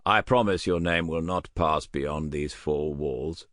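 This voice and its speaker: A man's voice: very deep voice, unhurried, a bit bright, dry recording. A man voicing a shrewd, rotund British colonel in his sixties with a faint Scottish trace, asking clipped, dry questions in an audiobook. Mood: dry probing. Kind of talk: audiobook character voice.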